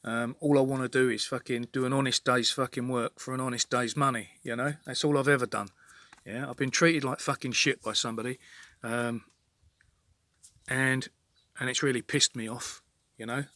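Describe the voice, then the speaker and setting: A man's voice: mid-range voice, steady tone, moderate pace, sharp tone, no echo. A man venting in an exasperated, sweary rant monologue to his own channel, repeating himself as he talks. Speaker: vlogger.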